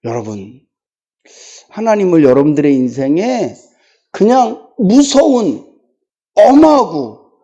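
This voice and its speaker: A woman pastor delivers a sermon in a church, her voice mellow and warm. She moves between chatty personal stories, told with a laugh, and rising, emphatic pleas to the congregation. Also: fairly low pitch, very animated, slow, long pauses, dull audio. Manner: emphatic, pleading preaching that rises into fervent declarations; tells personal anecdotes with laughter. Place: church sanctuary.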